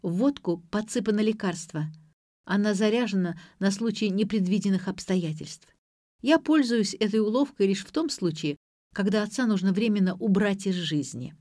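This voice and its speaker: A woman voicing a rude, sarcastic teenage girl in an audiobook, defiant and sharp-tongued. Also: medium pitch, normal speed, no echo, clean studio sound, lightly acted. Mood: grim.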